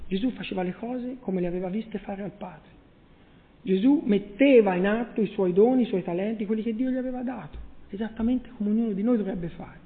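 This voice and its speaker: A man's voice: high voice, fairly quick. A man preaching a sermon, reading scripture and asking his listeners rhetorical questions. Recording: echoey hall, phone-like tinny sound.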